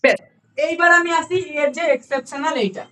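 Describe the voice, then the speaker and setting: High-voiced Bengali woman teaching grammar. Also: sharp tone. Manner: explains patiently, repeating key words slowly and checking understanding. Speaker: English grammar tutor. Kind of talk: online class lesson.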